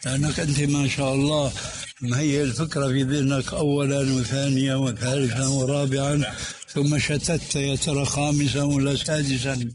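A man as a religious scholar in a recorded discussion, answering a questioner point by point in a measured, corrective way. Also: medium pitch, flat delivery. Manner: measured, corrective, asks to take points one at a time. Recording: hissy old cassette tape recording.

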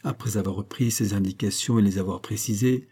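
A man voicing a Parisian painter who gives a friend's wife calm, confiding advice in a storybook reading. His voice is low, dark and husky. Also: brisk. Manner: confiding, gently advising. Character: Parisian painter, older friend, measured and warm.

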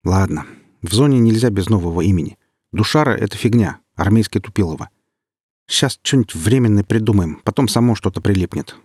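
A man narrating voices a cynical, gruff veteran male stalker in a curt manner. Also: on the low side, animated, fairly quick, darkish tone, no room sound, clean studio sound.

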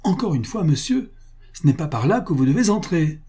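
A man's voice: medium pitch, normal speed, mellow, natural voice. A man voicing a flustered palace porter in a storybook reading, calling out insistently. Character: flustered middle-aged male palace porter.

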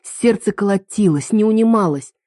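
A woman reading a first-person story aloud in a steady, expressive narration. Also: mid-range voice, normal speed, no room sound, clean studio sound. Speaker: reader.

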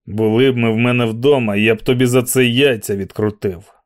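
A man's voice: medium pitch, fairly even intonation, brisk, natural voice. A man reading an audiobook aloud, voicing a brawny, arrogant young man who swears and picks fights. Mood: angry. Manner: coarse, swearing, belligerent.

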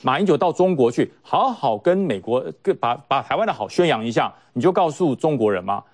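A man's voice: medium pitch, lively intonation, a little fast. A man giving mocking, emphatic political commentary on a talk show. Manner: mocking, emphatic, puts on quoted voices.

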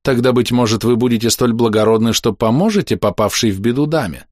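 A man voicing a hoarse, weakened young noblewoman who speaks in formal, courteous phrases in an audiobook. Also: mid-range voice, fast, darkish tone, dry recording, clean studio sound, close to an everyday voice. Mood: courtly. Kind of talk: audiobook character voice.

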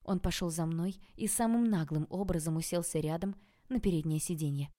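Low mellow woman narrating an audiobook. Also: a little fast. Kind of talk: first-person audiobook narration.

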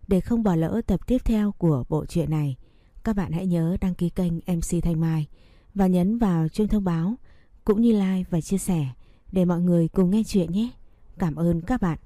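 A woman's voice: on the low side, moderate pace, warm tone, no echo, clean studio sound. A woman hosting a story channel, giving a polite, formal scripted introduction. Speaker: channel host.

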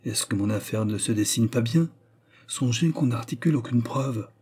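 A man's voice: mid-range voice, moderate pace, darkish tone, husky, natural voice. A man reading aloud as a proud scheming countess who speaks with vehemence and irony in a storybook reading. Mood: eager. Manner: vehement, ironic.

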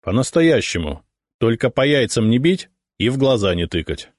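A man's voice: medium pitch, big pitch swings, normal speed, no room sound, studio quality, pitched above the performer's own voice. A man playing a blustering Cossack commander. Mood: brash. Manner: brash, rustic Cossack speech. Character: boastful doubting male Cossack commander, blustering.

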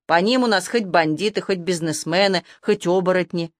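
A woman's voice: fairly low pitch, normal speed, no echo, clean studio sound, natural voice. A woman voicing a nervous, timid teenage girl. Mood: anxious.

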